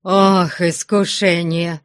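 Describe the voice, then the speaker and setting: A man's voice: sits high, flat delivery, takes it slowly, fairly bright tone, clean tone, dry recording, clean studio sound. A man voicing a meek, sighing young believer. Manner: sighing, half-whispered.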